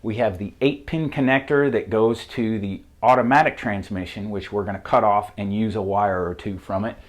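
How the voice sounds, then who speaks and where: Southern-accented male mechanic, low-pitched, methodical whiteboard instructor. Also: normal speed. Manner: methodical, plain-spoken, steady. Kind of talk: technical how-to explanation. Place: shop with a whiteboard.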